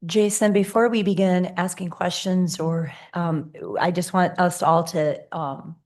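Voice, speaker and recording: A woman mayor with a raspy, hoarse voice, chairing a city commission meeting at a table microphone and adding quick asides between the formal steps. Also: lowish voice, steady tone, darkish tone.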